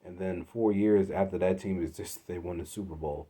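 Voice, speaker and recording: A man from Philadelphia hosting a solo sports podcast, exasperated, swinging from loud outbursts to low muttering. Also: fairly even intonation, moderate pace. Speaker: podcast host.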